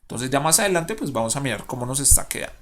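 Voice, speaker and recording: A man's voice: mid-range voice, animated, fast, a bit bright. A male schoolteacher with a Colombian accent, recording an online lesson for his pupils. He talks patiently, asks the class questions and counts syllables aloud. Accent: Colombian Spanish.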